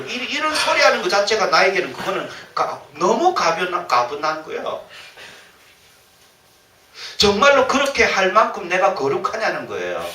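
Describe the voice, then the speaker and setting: A male pastor preaching a sermon, acting out the complaints of the people he quotes. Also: sits high. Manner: animated, acts out quoted complaints. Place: church sanctuary. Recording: roomy church sound from a distant mic, faint ambience.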